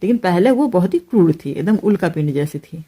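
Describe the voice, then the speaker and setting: A woman teacher explaining a Hindi poem line by line, pausing often with fillers. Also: on the low side, lively intonation, mellow, breathy edge. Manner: hesitant, many fillers, explains each phrase.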